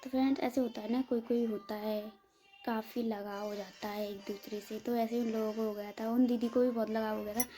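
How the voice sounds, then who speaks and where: A woman's voice: a little high, little pitch movement, a little fast, dark tone. A woman from northern India telling a rambling story to her viewers in a casual vlog, often calling them friends. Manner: chatty, rambling, keeps saying "friends" to viewers. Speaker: vlogger.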